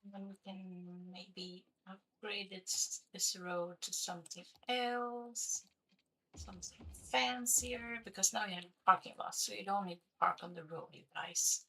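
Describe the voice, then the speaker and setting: Slow-talking woman streamer with a cracking voice. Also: mid-range voice, sharp tone, husky. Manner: chatty, talks to viewers while building. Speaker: game streamer. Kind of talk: casual live-stream chat while playing.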